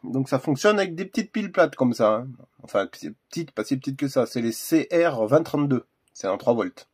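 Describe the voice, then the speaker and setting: A man's voice: mid-range voice, lively intonation, a little fast, darkish tone, slightly rough. A man hosting a casual unboxing video, talking hesitantly with lots of fillers and restarts. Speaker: gun accessory reviewer.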